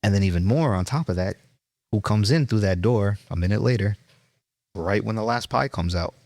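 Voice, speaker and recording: A man's voice: on the low side, moderate pace, darkish tone, dry recording. A man with a New York accent, a chef being interviewed, telling his story earnestly with fillers and restarts. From Brooklyn. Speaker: chef, guest.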